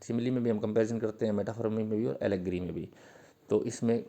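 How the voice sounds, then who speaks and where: Man explaining in a mellow voice. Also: fairly low pitch, fairly even intonation, brisk. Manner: uses fillers, repeats points patiently. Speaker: teacher. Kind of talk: exam-prep literature lecture.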